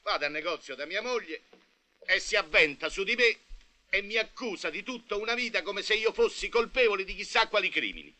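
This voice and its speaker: Film comedy: a self-pitying middle-aged businessman, bright and lively, wheedling and plaintive. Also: sits high, brisk, heavily acted. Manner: plaintive, wheedling, then blustering. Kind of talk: 1980 film comedy acting.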